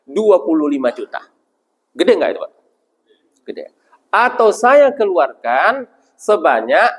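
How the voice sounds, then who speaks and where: Male preacher, high and animated voice, quizzing the congregation in a reverberant hall. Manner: asks the audience questions and answers them himself; addresses listeners as Pak. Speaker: ustaz preacher. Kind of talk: religious lecture to a congregation.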